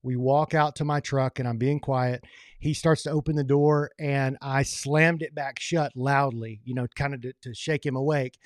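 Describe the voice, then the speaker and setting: A man's voice: medium pitch, steady tone, normal speed, dry recording, studio quality. A man hosting his own coaching channel, telling a motivational story in a conversational way and often restarting his phrases. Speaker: host of a men's coaching program.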